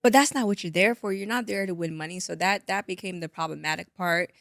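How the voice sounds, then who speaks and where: Gravelly woman in casual commentary. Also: on the low side, quick pace, dry recording, clean studio sound. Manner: animated, acts out quotes of others. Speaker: podcast co-host.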